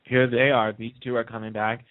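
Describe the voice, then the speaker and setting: A talk show host speaks casually in a medium-pitched voice, flat and at normal speed, giving emphatic opinions and often repeating points for emphasis. The sound is narrow and muffled, like a phone.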